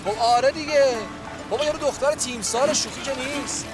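A pushy, ambitious young schemer who keeps nudging and teasing his friend, in a high, bright register. He talks in an insistent, wheedling way. Loud music plays under him. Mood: coaxing. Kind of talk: period TV drama acting.

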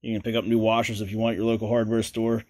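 A man with a fairly low voice races through a casual how-to as he works in his garage for a home repair video. His manner is relaxed, chatty and folksy with fillers, and the recording sounds dry.

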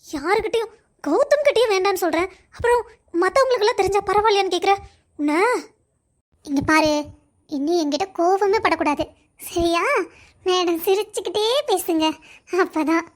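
Lady doing a bossy friend girl, cartoon, squeaky high, nags and teases. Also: moderate pace, long pauses. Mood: teasing. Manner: scolding, teasing. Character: bossy teasing young woman friend.

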